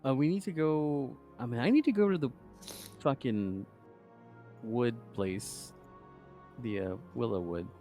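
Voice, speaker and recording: A man's voice: medium pitch, a little slow, long pauses, mellow, faint music behind. A man playing a tabletop game, chatting casually in a jokey, playful way.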